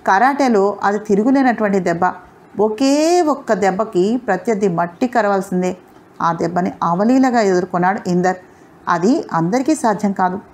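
A woman narrating an audio novel aloud. Her storytelling is steady and expressive, with the scripted flow of a practiced reader. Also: medium pitch.

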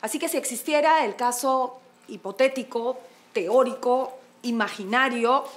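A woman's voice: a little high, measured pace, natural voice. An actress with a Peruvian accent playing a stern, protective mother who lays down firm, precise rules. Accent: Peruvian Spanish. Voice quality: firm, precise, emphatic lists. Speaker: TV series character.

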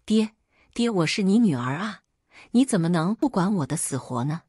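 A terrified young noble daughter, as a woman reads her out begs for her life in an audio storybook. The voice is husky and higher, in a dry, close read. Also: expressive, normal speed, a little mellow, no echo. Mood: panicked. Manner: panicked, pleading.

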